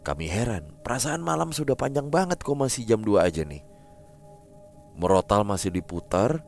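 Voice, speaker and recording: A man with a very low voice reads a horror story aloud, his pitch swinging widely as he dramatizes each scene. Faint music plays underneath. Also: very animated, normal speed, creaky, a little mellow. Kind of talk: first-person story reading.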